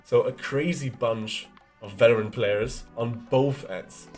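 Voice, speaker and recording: A man hosts a live esports broadcast in an easygoing, chatty way. His voice sits at an ordinary middle pitch, and he often pauses on "um" as he talks. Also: darkish tone, soft background music. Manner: chatty, easygoing, frequent "um" fillers. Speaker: esports caster. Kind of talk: live stream commentary.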